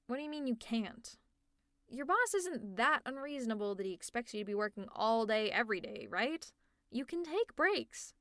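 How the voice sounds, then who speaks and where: An ASMR roleplay narrator with a slightly high, fairly bright voice plays a sarcastic yet caring female supervillain. She teases and sounds exasperated, sighing and laughing, in clean studio sound with no room noise.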